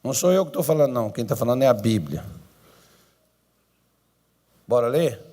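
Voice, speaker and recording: A Brazilian male pastor preaching a sermon in church, swinging between drawn-out shouted cries and low, quick asides. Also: lively intonation.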